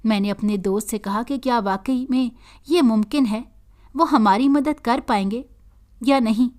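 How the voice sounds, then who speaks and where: Woman storyteller, earnest, steady reading, fairly high voice. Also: a little slow. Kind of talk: scripted story narration.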